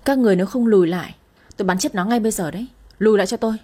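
A woman voicing a menacing gangster man who threatens and shouts at his captives. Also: medium pitch, very fast, husky, lightly acted. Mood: threatening.

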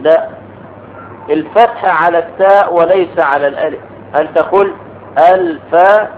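A man's voice: on the high side, fairly quick. A man teaching an Arabic grammar lesson, explaining step by step and asking the class questions. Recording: tinny phone-like recording with faint noise.

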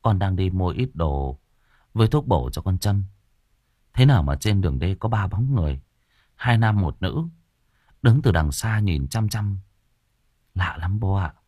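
A man's voice: low voice, expressive, measured pace, pauses often, warm tone, husky, dry recording, studio quality, exaggerated voice. A man playing an injured young man who recounts a frightening encounter in a choked-up voice. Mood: shaken. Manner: choked, earnest storytelling.

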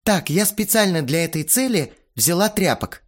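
A man voicing a brisk, bossy young woman organizing a film shoot in an audiobook. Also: sits high, expressive, pitched above the performer's own voice. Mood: practical. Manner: commanding, brisk.

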